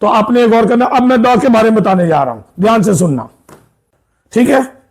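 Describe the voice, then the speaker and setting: High-voiced man teaching a grammar lesson. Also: animated, normal speed, vocal fry, a little mellow. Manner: explains patiently, repeats points and checks understanding. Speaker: school English teacher.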